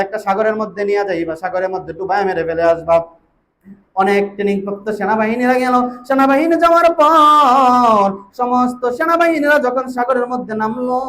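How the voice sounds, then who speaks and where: A man preaching a storytelling sermon, chanting lines in a sing-song way and calling out loudly to the crowd. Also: sits high, slight background noise. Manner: chanting, sing-song delivery with loud exclamations. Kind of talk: Bengali waz sermon storytelling.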